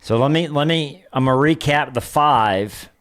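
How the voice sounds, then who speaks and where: A man who is a pastor, co-hosting a casual conversation and leading a lesson in a measured way, walking through numbered points. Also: fairly high pitch, fairly bright tone. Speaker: pastor and podcast co-host.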